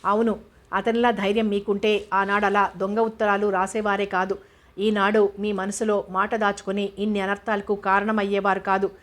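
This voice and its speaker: A woman's voice: mid-range voice, little pitch movement, normal speed, natural voice. A woman voicing a proud, defiant young woman. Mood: indignant. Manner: indignant, forceful. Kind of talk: audiobook character voice.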